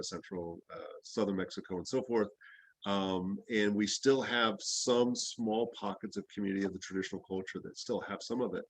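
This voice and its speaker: In this low-quality, dry recording, a man with a fairly low voice leads a loose herbalism class discussion. He grew up in the Bahamas and wanders through anecdotes, leaning on plenty of filler words.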